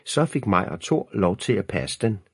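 A man's voice: fairly low pitch, sing-song, husky, dry recording, clean studio sound, voice pushed up, exaggerated voice. A man voicing a bratty little girl who squeals and whines, in an audiobook reading. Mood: squealing. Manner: squealing, whiny. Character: bratty shrill little girl, doting on animals.

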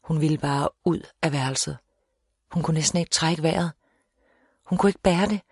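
A woman's voice: low-pitched, darkish tone, slightly rough, dry recording. Woman narrating an audiobook, dry sound. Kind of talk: scripted narration.

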